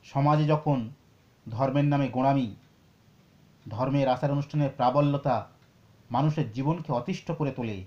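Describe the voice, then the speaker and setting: A man teaching Sanskrit scripture, explaining slowly and reciting verses. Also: mid-range voice, darkish tone, muffled recording. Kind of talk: lecture on scripture.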